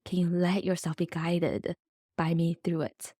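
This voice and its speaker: A gentle, all-knowing female spirit of the universe speaks softly and reassuringly, as a woman puts her on in a podcast monologue. Her voice sits at an ordinary pitch and is recorded dry, with no room around it. She sounds calm and motherly. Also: a little slow, no echo, close to an everyday voice. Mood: soothing. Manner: soft, soothing, reassuring.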